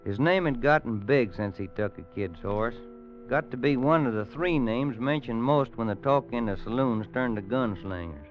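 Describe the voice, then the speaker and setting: An actor in a 1950s-style folksy American radio drama plays a weary, worried Western man relating a grim tale. His medium-pitched, natural voice moves at normal speed, and the storytelling feels grave and haunted. The old recording is muffled and has music in it.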